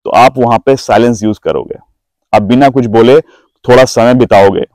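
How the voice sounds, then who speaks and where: Male trainer, instructional talk, slows down to stress words, dry close sound. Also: medium pitch, darkish tone, no room sound, poor audio. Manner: drawn-out, stressed words when demonstrating emphasis. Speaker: presentation skills trainer.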